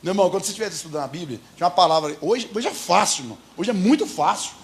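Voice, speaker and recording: A Brazilian pastor preaching to his church in a high, ringing voice. He is emphatic and keeps throwing questions back at the congregation, driving each point home. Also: lively intonation, racing. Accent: Brazilian Portuguese. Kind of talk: sermon.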